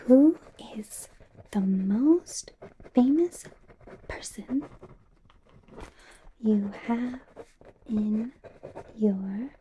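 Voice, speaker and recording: A woman playing Zoey, a bubbly, doting older-sister K-pop idol, in an encouraging, whispered ASMR roleplay with a breathy voice. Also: on the high side, dark tone, slight background noise, poor audio. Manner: encouraging, rambling, playfully reassuring. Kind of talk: ASMR roleplay with personal attention.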